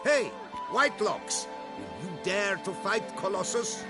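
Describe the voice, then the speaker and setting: A man's voice: high-pitched, wildly swooping pitch, unhurried, over loud music, full character voice. A man voicing a showy male tournament herald with a theatrical, flamboyant manner.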